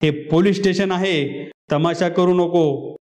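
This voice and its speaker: A man putting on a stern, impatient police officer barking questions in a sharp, scolding way. The voice is fairly high for a man. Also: steady tone, slow pace.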